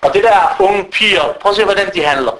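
A man giving an animated sermon as a preacher, breaking into recited Arabic quotations. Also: high-pitched, slight background noise, poor audio. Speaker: Islamic preacher.

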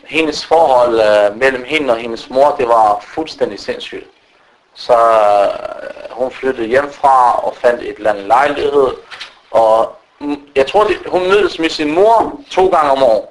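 A man's voice: medium pitch, rough recording. Man, preacher, unscripted religious talk, frequent fillers, speaks straight to the audience. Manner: unscripted, halting with fillers, addresses listeners directly. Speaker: Islamic preacher. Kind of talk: religious lecture to a gathering.

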